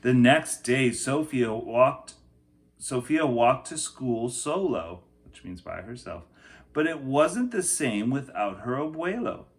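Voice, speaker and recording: Reading slowly to a group of children, a teacher with a mid-range male voice gives a picture book an expressive, emphatic delivery. Every so often he slips into quieter, chatty remarks.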